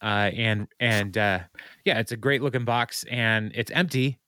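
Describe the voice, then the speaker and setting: A man's voice: lowish voice, measured pace, pushed and bright, no room sound. A man hosting a podcast, casually recapping a TV episode with frequent laughs and filler words. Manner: laughs often, many ums and uhs. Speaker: podcast host.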